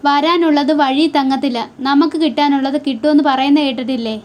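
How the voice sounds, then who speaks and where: A weary middle-aged bachelor, read by a woman in a high voice, soft-spoken and resigned. He talks about his own misfortune in a calm, philosophical way, as in a serialized audio story. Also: fairly quick, close to an everyday voice.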